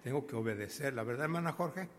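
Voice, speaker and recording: A man's voice: medium pitch, expressive, fast talker. A man, preaching a sermon with emphasis, asking his congregation questions and telling stories. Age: 80s. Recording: long hall reverb.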